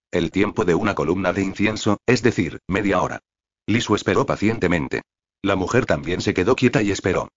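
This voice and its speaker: Low-voiced guy reading a web novel aloud, steady and flat, kinda dull lo-fi sound. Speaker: audiobook narrator.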